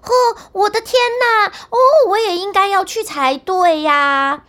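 Woman playing a loud, giddy young fool. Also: high voice, lively intonation, full character voice. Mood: gleeful, loud. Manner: shouting gleefully, drawn-out calls. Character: foolish cheerful young man, loud and carefree.

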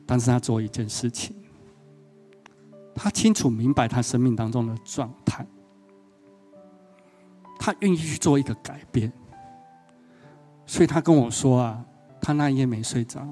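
A man's voice: mid-range voice, animated, moderate pace, long pauses, dark tone, faint music behind. A male pastor giving a sermon, telling a personal story and often asking the congregation questions.

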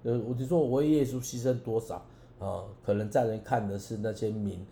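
A man, a preacher and songwriter giving an earnest, halting personal testimony as a radio guest, with many restarts. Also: on the low side, steady tone, gravelly, dark tone, echoey room, slight background noise.

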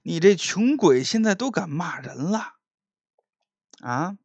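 A storyteller puts on a tipsy young gentleman, a bully who mocks and taunts with stammering, drawn-out words. His pitch swings widely and his pace drags. The sound is close and dry, as in a storybook telling. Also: big pitch swings, no echo, dull audio, exaggerated voice. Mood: taunting. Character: drunk, sneering young male gentleman bully.

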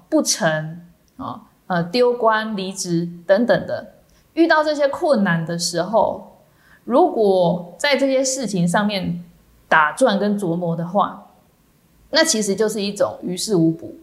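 A woman with a Taiwanese Mandarin accent, a Buddhist nun giving a dharma talk in a measured way with many soft fillers. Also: mid-range voice.

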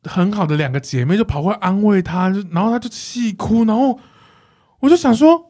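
Guy on a podcast, high voice, telling a story, laughs a lot, super animated. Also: a little fast. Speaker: podcast co-host. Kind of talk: casual chat.

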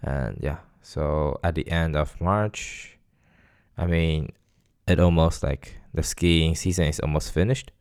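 A young man with a thick foreign accent and non-native English, talking casually and haltingly as he hosts a solo podcast. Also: extremely low pitch, fairly even intonation, darkish tone, smooth, no room sound, clean studio sound. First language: not English. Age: young adult. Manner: halting, searching for words. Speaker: podcast host.

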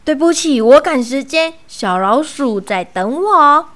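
Woman doing a hurried father mouse. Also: on the high side, very animated, darkish tone, full character voice. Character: busy father mouse in a hurry.

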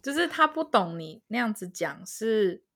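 A woman's voice: mid-range voice, very animated, normal speed, a bit bright, breathy edge. A woman hosting a podcast, chatting expressively and laughing easily. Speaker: podcast host. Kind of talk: casual chat.

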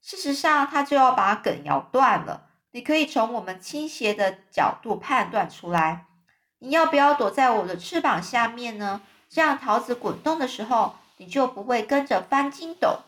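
A woman voicing a kind, gentle female ladybug in a children's storybook reading, speaking soothingly. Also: fairly high pitch, expressive, normal speed.

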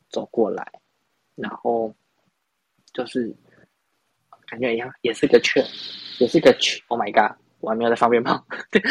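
A man's voice: medium pitch, slightly rough, no room sound, rough recording. A young man from Taiwan, telling a rambling, self-mocking story in a casual podcast chat. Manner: rambling, self-mocking, many restarts and laughs. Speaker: podcast host.

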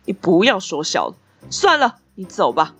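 A woman voicing a big proud male lion in a bedtime story, booming and haughty. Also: very animated, normal speed, a bit bright, breathy edge, soft background music.

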